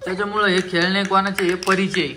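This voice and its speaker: A man's voice: sits high, little pitch movement, fast, bright, forceful tone. A man chatting playfully at home for his family vlog, coaxing the children as he films. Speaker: family vlogger. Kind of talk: casual home vlog chat. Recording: noisy home phone recording.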